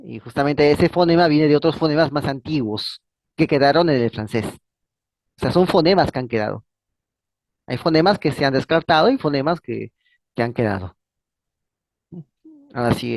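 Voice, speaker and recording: This channel host's voice is a little high and darkish, with no echo, as he lectures casually on history. He keeps ending phrases with a questioning "no?" while rambling, repeating words, and using frequent fillers and restarts.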